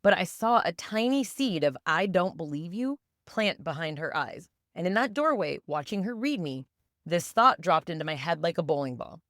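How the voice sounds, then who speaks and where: A woman in her thirties with a lowish voice speaks candidly as a podcast host. She tells her story in a raw, self-mocking, confessional way. The recording is dry and close, with no room sound. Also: big pitch swings, normal speed, fairly bright tone, no room sound. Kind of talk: candid personal monologue.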